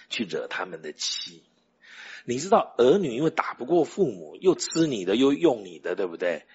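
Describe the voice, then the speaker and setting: A man's voice: mid-range voice, slightly rough. An older man, a church elder giving a conversational sermon with stories and frequent rhetorical questions. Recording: dull lo-fi sermon recording.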